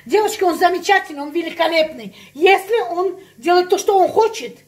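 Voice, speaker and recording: Her voice is very high, brisk, and full of lively intonation as she rants heatedly to viewers. The casual vlogger, a Russian speaker living in Spain, keeps repeating herself to drive her point across.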